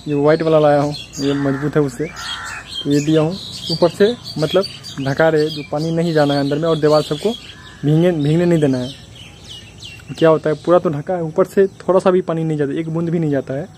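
A man's voice: a little high, steady tone, moderate pace, pauses often, darkish tone, a little hiss or hum. A young man from Bihar, India, talking casually to his phone at arm's length outdoors, chatty and complaining as he explains things step by step. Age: young adult. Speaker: village vlogger. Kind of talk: casual vlog to camera. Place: outdoors at a building site and rice fields. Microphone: phone held at arm's length.

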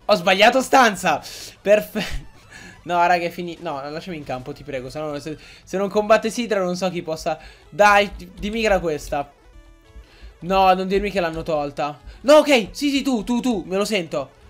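Excitable high-voiced young gamer. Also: male voice, moderate pace, faint music behind. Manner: excitable, swearing, frequent outbursts at the game. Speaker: gaming YouTuber. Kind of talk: Let's Play commentary.

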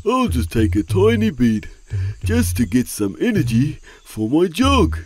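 A husky, mellow-toned cartoon friend with a fondness for sweets. He chats along cheerfully, easily tempted and talking himself into things. Light music plays under him. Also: fairly high pitch, huge pitch swings, measured pace, no room sound, exaggerated voice. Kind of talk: animated children's cartoon acting.

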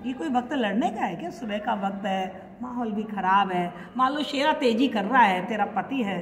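A woman reading a gentle, kindly older village matriarch in a soft, soothing voice. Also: very high-pitched, normal speed, voice pushed up. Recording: echoey room with long reverb, faint hiss.

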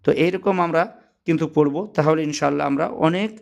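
A man teaching Quran pronunciation in a patient spoken lesson, spelling out letters one by one with some hesitant pauses. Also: fairly high pitch, steady tone, gravelly.

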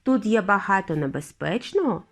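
A woman voicing a gallant, cheerful eccentric male factory owner, bright and reassuring. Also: medium pitch, animated, normal speed, soft background music. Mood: cheery.

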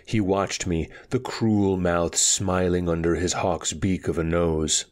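A man reading a fantasy story aloud in a steady, measured narration. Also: low voice. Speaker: audiobook reader.

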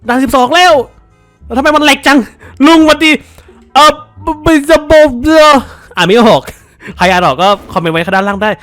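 A man narrating his own let's play in a loose, profane style, with a lively voice that swings up and down. He yelps in surprise and laughs often as he plays. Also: extremely high pitch, a little fast, faint music behind. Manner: swears freely, yelps and shouts in surprise; laughs often while playing. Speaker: gaming channel host.

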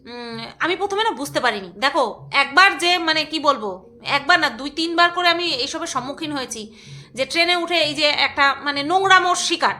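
Very high bright woman rambling on her vlog, casual and giggly. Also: lively intonation, moderate pace. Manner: chatty, rambling, laughs often. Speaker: vlogger. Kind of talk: casual chat with snatches of singing.

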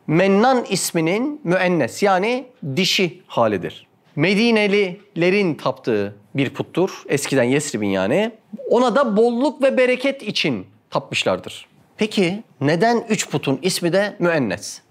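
A man with a notably high voice gives a religious talk in storytelling form. He keeps asking his listeners rhetorical questions and acts out the quoted dialogue with lively, shifting delivery. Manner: animated, asks the audience frequent rhetorical questions. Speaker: religious speaker.

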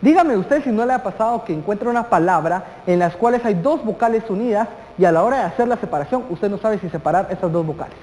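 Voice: mid-range voice, expressive, quick pace, few pauses, darkish tone. A teacher giving a televised classroom lesson, speaking straight to the students, posing questions and stretching out key words. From Guatemala. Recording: long hall reverb.

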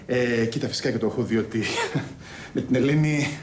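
A man's voice: mid-range voice, a little mellow, a little hiss or hum, natural voice. An actor playing a theatrical, gossipy male army conscript on guard duty in a television drama.

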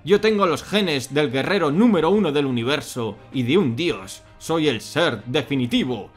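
A man's voice: a little high, expressive, normal speed, breathy edge, faint music behind, pitched above the performer's own voice. A man voicing an arrogant young male warrior of half-divine blood who sneers and boasts, reading a fan manga aloud. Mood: boastful.

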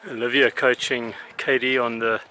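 A man's voice: medium pitch, flat delivery, normal speed, bright, forceful tone, slight background noise, low-quality recording. Older man narrating a snowy hike. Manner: chatty, laughs often. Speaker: vlog host. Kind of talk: casual hiking vlog narration. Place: snowy forest trail outdoors. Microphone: handheld camera held at arm's length.

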